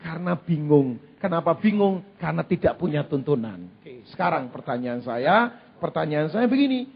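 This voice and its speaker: A man preaching a sermon in an animated, humorous way, with repeated phrases. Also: fairly high pitch, normal speed, gravelly. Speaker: pastor. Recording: dull lo-fi church recording.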